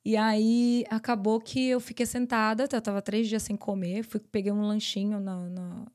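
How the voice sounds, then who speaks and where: A Brazilian woman, a podcast guest, telling her personal story in an earnest, rapid flow. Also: medium pitch, level tone, a little mellow. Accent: Brazilian Portuguese. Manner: earnest, tells events in long rapid runs.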